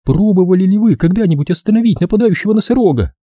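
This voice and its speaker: A man doing a sharp-tongued anxious young woman. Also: high voice, big pitch swings, fairly quick, breathy edge, no room sound, lo-fi sound, voice pushed up, exaggerated voice. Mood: agitated.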